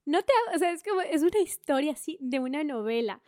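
A woman, a podcast guest telling a travel story in a chatty, animated way with many fillers. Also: high voice, brisk, no echo, studio quality. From Ecuador. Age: 20s. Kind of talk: casual storytelling in conversation.

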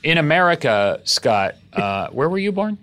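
A middle-aged man co-hosting a comedy podcast, chatting casually with relaxed, deadpan jokes. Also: fairly high pitch, moderate pace. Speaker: podcast co-host.

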